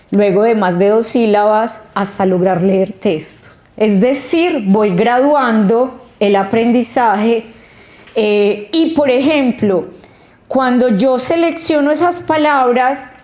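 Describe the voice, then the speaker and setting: Slow-speaking woman leading a workshop. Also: fairly high pitch, darkish tone. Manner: slow, explanatory, stretching out sounds. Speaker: literacy trainer. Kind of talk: training workshop lecture. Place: training room.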